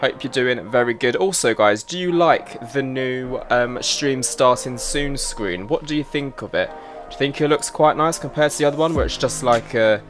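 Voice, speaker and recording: A flight sim streamer with a medium-pitched voice chats casually at a moderate pace on his live stream, with faint music behind him. He greets viewers by name while sorting out his setup. He sounds slightly congested and has a bit of a cough.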